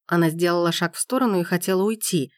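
A woman narrating a romance novel in an even, expressive reading voice. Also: fairly low pitch, fast talker, no room sound, studio quality. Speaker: audiobook narrator.

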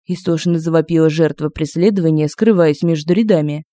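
A woman reads a comic fantasy story aloud with expressive, lively delivery. Her voice is mellow and soft-toned, and it sits close on a dry home-studio mic. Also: low voice, fairly quick, no room sound. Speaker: audiobook narrator. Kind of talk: scripted narration of humorous fantasy.

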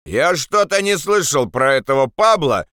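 Man plays suspicious guard soldiers, mocking and commanding, lively raised voice, audiobook role. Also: on the high side, moderate pace, no room sound, studio quality, pitched above the performer's own voice.

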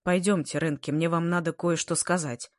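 A woman reading a story, voicing a calm, serious and honest young student. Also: lowish voice, moderate pace, no room sound, clean studio sound, close to an everyday voice. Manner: calm, serious, slightly mocking.

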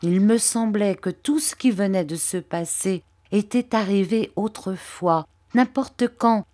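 This woman narrates a classic novel as an audiobook reader, her voice sitting in the middle range. The delivery is scripted literary storytelling, unhurried yet expressive.

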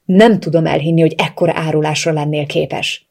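A woman's voice: low voice, fairly even intonation, darkish tone. A woman reading the lines of a menacing, violent man. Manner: commanding, threatening.

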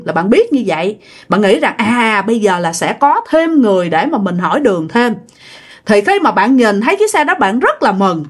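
A woman with a Southern Vietnamese accent telling a ghost story in a chatty way, talking straight to her listeners. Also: a little high. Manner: chatty, addresses listeners directly, many fillers. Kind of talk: casual ghost-story narration.

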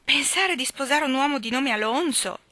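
Woman voicing a flighty young girl, vain, gushing, theatrical, bright tone, dry close sound. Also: mid-range voice, animated, moderate pace, no echo. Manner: theatrical, gushing, swooping emphasis. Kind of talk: audiobook character reading.

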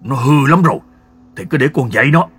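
A man voicing a hot-tempered middle-aged father who scolds loudly and harshly. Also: medium pitch, brisk, slightly rough, pitched above the performer's own voice. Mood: stubborn. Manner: loud barking scolding.

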